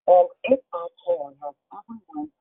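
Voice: mid-range voice, sing-song, moderate pace, breathy edge, no room sound, phone-quality sound. A declaration leader on a phone prayer call, upbeat and repeating amen, heard over a crackly line that fades in and out.

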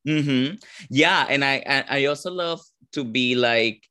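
A man from Venezuela with a Venezuelan Spanish accent, a drag performer answering interview questions casually, often pausing to search for words. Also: mid-range voice, bright, forceful tone. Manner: searching for words, frequent "like" fillers.

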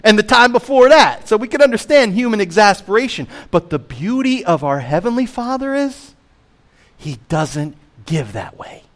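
A man preaching a sermon as pastor, emphatic, slowing on key phrases, swinging between loud and hushed, and asking the listeners direct questions. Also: high voice, big pitch swings. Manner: emphatic preaching with wide swings in loudness and slowed stressed phrases; asks the congregation direct questions.

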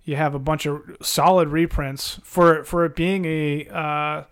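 A man's voice: on the high side, unhurried, clean tone. A man co-hosting a podcast, chatting casually and wryly about card games, with the odd curse. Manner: relaxed, wry, casual swearing. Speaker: podcast co-host.

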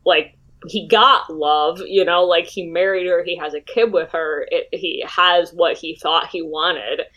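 A woman hosting a podcast in casual, chatty, animated conversation, her speech slightly slurred from a sore tongue. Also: lowish voice, measured pace, highs cut off. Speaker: podcast host. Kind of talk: casual podcast chat about a TV series.

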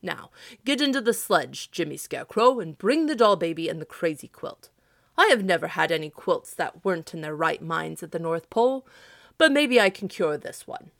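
A woman voicing a jolly, commanding old Santa Claus, speaking in an emphatic, brisk, decisive way. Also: on the low side, big pitch swings, gravelly, a bit bright, dry recording, clean studio sound, heavily acted. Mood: brisk, reassuring.

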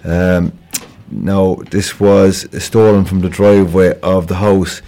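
A man's voice: low voice, steady tone, slow pace, warm tone. A man with a Kerry accent from Ireland giving an informal police appeal as a radio guest, conversational and hesitant, often repeating words. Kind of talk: informal crime report interview on local radio.

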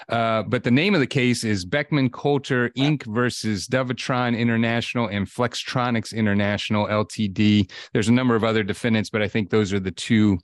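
A man hosting a podcast in a conversational, halting manner, repeating words as he goes. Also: on the low side, dry recording, studio quality. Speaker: podcast host. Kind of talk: conversational introduction of a guest.

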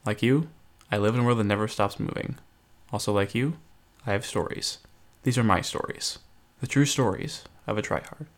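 A man with a lowish voice hosts a casual podcast interview at a normal speed. He asks his questions with many hesitant fillers.

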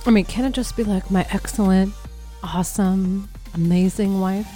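A woman's voice: medium pitch, fairly even intonation, moderate pace, dark tone, faint music behind. A woman chatting playfully on her husband's podcast. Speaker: host's wife, co-host. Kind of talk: casual podcast chat.

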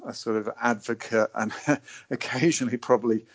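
A man's voice: mid-range voice, steady tone, brisk. A man talking thoughtfully and hesitantly in conversation, often repeating words as he works out a point. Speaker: natural navigation advocate, guest. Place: indoors in a wooden cabin. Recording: dull, muffled lo-fi audio.

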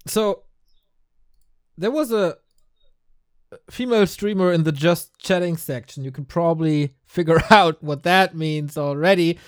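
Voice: medium pitch, measured pace, pauses often. A co-host chatting casually on a podcast, laughing often and sounding upbeat. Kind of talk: casual chat.

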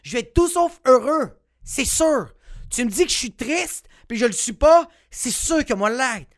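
Brief: male podcast host with a Quebec French accent, swears a lot, animated, dry close sound. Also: very high-pitched, measured pace, dry recording. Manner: profane, animated, bursts into shouting. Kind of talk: comic storytelling monologue.

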